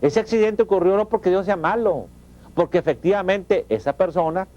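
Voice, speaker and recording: Mexican male lecturer, middle-aged, dark mellow tone, emphatic, asks rhetorical questions. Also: high voice, fairly quick. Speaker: professor giving a talk. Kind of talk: motivational talk on family values. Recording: dull lo-fi recording.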